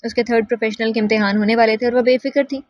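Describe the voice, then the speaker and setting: A woman narrating a novel as an audiobook reader, in a steady, even way. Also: a little high, no echo, dull audio.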